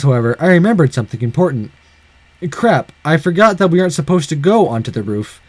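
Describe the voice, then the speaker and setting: Lively, high-voiced man reading a game aloud. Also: dry recording. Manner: sarcastic asides, swearing. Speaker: let's play host. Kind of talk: reading a visual novel with commentary.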